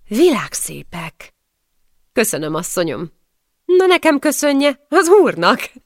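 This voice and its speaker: A woman's voice: medium pitch, no room sound, clean studio sound, lightly acted. A woman reading the part of an outspoken, crude-talking young wife from the 1700s. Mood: brash. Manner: brash, crude, laughing. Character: bawdy, outspoken young married village woman.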